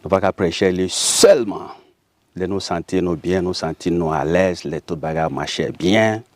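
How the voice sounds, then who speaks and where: A man from Haiti with a Haitian Creole accent, speaking as a guest in a casual interview, animated and laughing often. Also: sits low, moderate pace, no echo.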